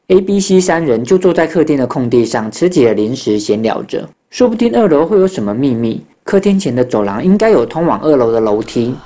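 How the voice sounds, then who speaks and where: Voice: mid-range voice, sing-song, brisk, hardly any pauses, dark tone. A storyteller narrating a ghost story and acting out the children's lines in their own voices. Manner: acts out children's voices in dialogue.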